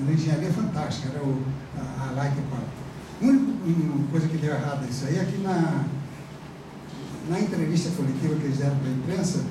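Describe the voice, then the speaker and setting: In a large, echo-filled classroom, a male Brazilian professor gives a loose, chatty lecture full of fillers and tag questions, his voice fairly high. He sounds distant from the microphone, with steady noise running throughout.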